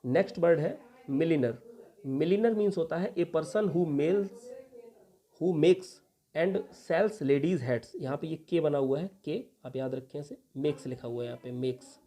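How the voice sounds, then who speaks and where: A young man from India gives a vocabulary lesson for exam candidates, slowing down to spell out words and repeat definitions. His voice sits a little high and has a soft, mellow tone. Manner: patient, repeats each meaning and spells words out. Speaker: teacher.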